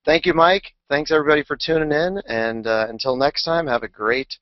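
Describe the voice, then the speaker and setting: A man's voice: on the high side, fairly quick, dry recording, muffled recording. A man hosting a webinar, wrapping up and thanking the presenter and audience with frequent fillers. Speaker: webinar host. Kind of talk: closing remarks of a webinar.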